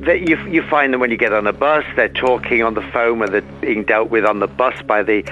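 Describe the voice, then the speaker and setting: Male phone-in caller on a landline, mid-pitched, indignant, chatty, stumbles over repeated words. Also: brisk, faint music behind. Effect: heard over a landline phone call. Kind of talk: casual radio chat.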